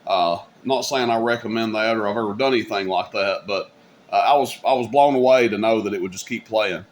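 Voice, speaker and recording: This hobbyist video host has a fairly low-pitched voice and a brisk delivery. He rambles through a casual, folksy hands-on product demonstration, captured clearly with some background noise.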